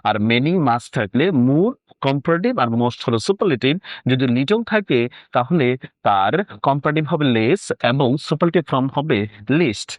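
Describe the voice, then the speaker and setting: A man's voice: medium pitch, expressive, moderate pace, no echo. A man teaching an English grammar lesson, talking to the student informally and asking then answering his own questions.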